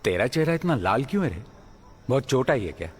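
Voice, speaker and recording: A husky, gruff father. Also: mid-range voice, very animated, fairly quick. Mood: gentle. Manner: barking orders, then gentle. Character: stern working-class father, gruff but caring. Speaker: dubbing actor. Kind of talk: dubbed film acting.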